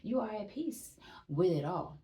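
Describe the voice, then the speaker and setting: A woman's voice: medium pitch, lively intonation, a little slow, dark tone, recorded from a distance. A young woman gives a casual spiritual energy reading, chatty and emphatic, repeating phrases, swearing and laughing often.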